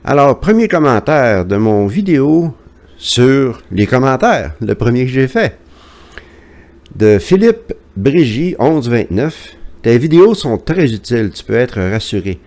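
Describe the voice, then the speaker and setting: A man with a Québécois French accent reads viewer comments aloud as a YouTuber, chatting casually and hesitating frequently. His medium-pitched, darkish voice moves at a measured pace with big pitch swings.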